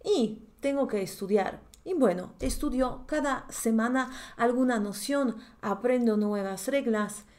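A woman in her thirties with a Polish accent teaches grammar online from a desk in an indoor room, picked up by a webcam in a corner of a screen share. Her voice is fairly high and darkish, unhurried with hardly any pauses. Chatty and explanatory, she checks in with the listener often, frequently asking "¿sí?"

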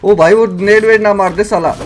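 A man from India commentating a mobile shooter match, shouting quick callouts to his squad. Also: high-pitched, steady tone, slight background noise. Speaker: gaming channel host. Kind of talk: excited gameplay commentary with squad.

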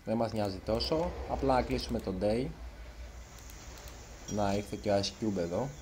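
A man's voice: on the low side, a little mellow, a little hiss or hum. Nervous chatty man commentating a game. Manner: chatty, self-conscious, trips over words. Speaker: gaming YouTuber. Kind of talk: let's play commentary.

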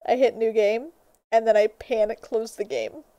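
A young woman streaming a horror game, swearing, laughing and yelling at the game. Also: fairly high pitch, steady tone, normal speed, dry recording, highs cut off. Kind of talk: horror game playthrough commentary.

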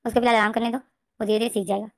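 A woman voicing a gentle middle-aged mother who speaks softly and quietly. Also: a little high, little pitch movement, rapid-fire, gravelly, dry recording, studio quality. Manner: soft, quiet, soothing.

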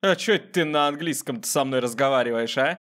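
A man's voice: medium pitch, quick pace, fairly bright tone. A man hosting a gaming video with casual joking commentary, sarcastic and talking directly to the game character.

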